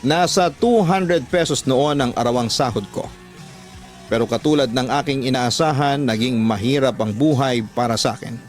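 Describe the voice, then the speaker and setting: Speaking at a normal speed in a mid-range voice, a Filipino-accented man reads a scripted first-person tale styled as dramatic radio narration. Background music runs under his voice.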